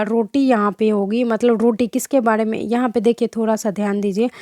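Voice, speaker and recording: A woman's voice: on the high side, a little mellow, no room sound, clean studio sound. A young woman teaching an online grammar lesson, who keeps asking rhetorical questions and correcting herself as she goes.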